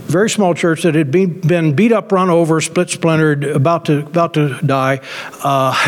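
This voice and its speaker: A middle-aged man preaching a sermon as a pastor, telling a story emphatically with many fillers and restarts. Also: fairly high pitch. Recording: long reverb.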